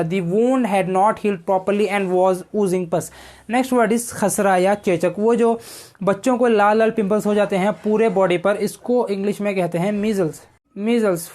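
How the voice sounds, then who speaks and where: A woman teaching English vocabulary, explaining each word patiently and reading example sentences slowly and deliberately. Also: mid-range voice, a little mellow. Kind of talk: slow instructional vocabulary lesson.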